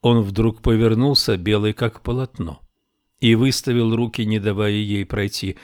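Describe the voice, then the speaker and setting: In a clean, dry studio recording, a man whose voice sits on the low side reads scripted audiobook narration. His delivery is measured and expressive, in a storytelling manner.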